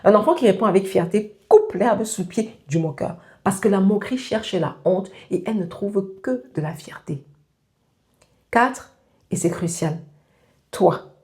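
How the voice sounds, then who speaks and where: A woman's voice: mid-range voice, measured pace, mellow. A woman hosting a parenting channel, giving direct, step-by-step advice straight to the listener. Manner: direct, addresses the listener as "tu" with instructions.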